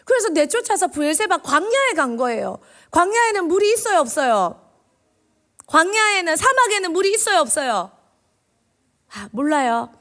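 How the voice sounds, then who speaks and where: A woman, a children's minister giving an animated sermon in church and quizzing the children with questions. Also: extremely high pitch, normal speed.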